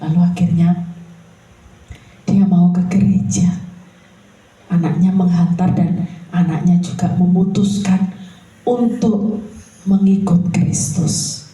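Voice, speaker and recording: A woman's voice: fairly low pitch, slow pace, long pauses, far from the mic. Woman preaching in a very echoey room. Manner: storytelling, animated. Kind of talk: sermon at a home worship service. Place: living room of a house.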